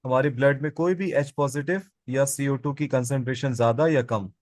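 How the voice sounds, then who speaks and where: Speaking at a middle pitch and a moderate pace, a man lectures a classroom on biology, posing questions to the students before answering them himself and repeating each key term twice. His tone is darkish with fairly even intonation, captured in close, dry audio with no room sound.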